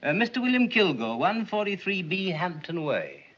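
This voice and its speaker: An actor playing a helpful, fussy, deferential auction clerk, speaking haltingly in 1940s film style. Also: male voice, high-pitched, sing-song, fairly bright tone, exaggerated voice. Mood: recalling details. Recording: muffled 1940s film soundtrack.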